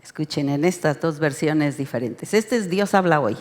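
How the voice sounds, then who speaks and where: A woman with a Mexican accent leading an interactive Bible study lesson, expressive and urging the group to read along. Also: deep voice, moderate pace. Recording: reverberant hall sound.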